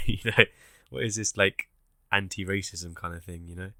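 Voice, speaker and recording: Young guy with a really low voice, bright and forceful, dry close sound, rambling podcast chat. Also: moderate pace, dry recording. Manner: rambling, animated, swears casually. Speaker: podcast co-host. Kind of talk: casual chat.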